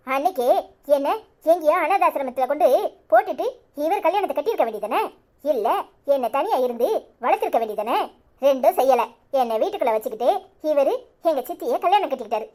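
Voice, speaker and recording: A woman's voice: sits high, animated. A woman voicing a bitter, stubborn young married daughter in a cartoon serial, speaking with a Tirunelveli Tamil accent and firing accusing questions. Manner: accusing, insistent, rapid-fire questions.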